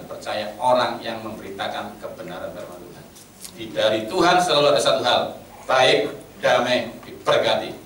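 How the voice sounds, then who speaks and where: A man preaching a sermon in Javanese-tinged Indonesian, blunt and animated, swinging between loud outbursts and hushed asides. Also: on the low side. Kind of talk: sermon with storytelling. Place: church meeting hall. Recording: roomy echo, from a distance, faint background hum.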